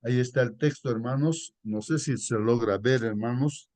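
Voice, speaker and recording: A man leading a Bible study for his congregation in a conversational way, repeatedly addressing them as brothers and reading verses slowly and deliberately. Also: medium pitch, darkish tone, dry recording. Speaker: Sabbath school lesson leader.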